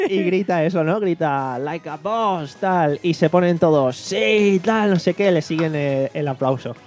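Chatty man, slightly high voice. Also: measured pace, darkish tone, soft background music. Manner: retells a comedy show with lots of fillers and swearing. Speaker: podcast host. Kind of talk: casual chat.

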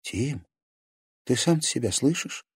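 Young woman, hushed and lower, read by a man, dry close mic. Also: expressive, measured pace, husky, no room sound. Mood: bewildered. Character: young woman, puzzled and defensive girlfriend. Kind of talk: audiobook character reading.

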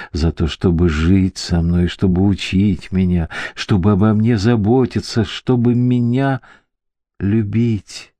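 A man's voice: lowish voice, warm tone, dry recording. A man voicing a desperate, dying young woman who pleads breathlessly in an audiobook.

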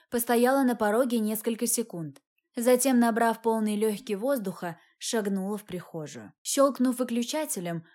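A woman narrating a novel in the first person, with expressive storytelling. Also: on the high side. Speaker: audiobook narrator.

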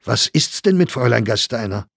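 A man's voice: medium pitch, measured pace, vocal fry, husky, dry recording, studio quality. A man voicing an anxious, fussy male poet who cries out in alarm, read from a storybook. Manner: agitated, pleading outcries.

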